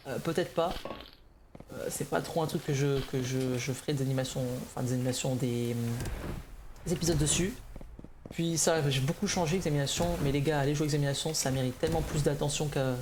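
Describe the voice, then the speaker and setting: Hesitant young man rambling over background noise. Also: on the high side. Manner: hesitant, rambling, often restarting sentences; slightly nervous, neutral delivery. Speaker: gaming video creator updating viewers. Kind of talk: casual unscripted channel update. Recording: clear background noise, clicks.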